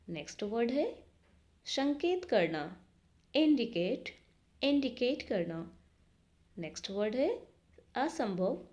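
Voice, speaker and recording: A woman's voice: on the high side, a little mellow. A woman teaching English vocabulary in Hindi, patiently saying each word and repeating it before giving its meaning. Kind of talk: slow vocabulary lesson, word by word.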